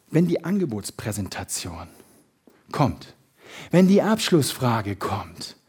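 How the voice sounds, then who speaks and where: A man giving a motivational sales seminar, lively and full of emphasis, acting out little everyday scenes. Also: fairly high pitch, breathy edge. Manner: lively, shifts loud and soft for emphasis, acts out little scenes. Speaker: sales trainer.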